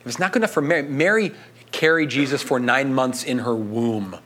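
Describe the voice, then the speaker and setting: A man's voice: medium pitch, brisk, fairly bright tone. A man as pastor preaching a sermon in a conversational way, often checking in with "right?".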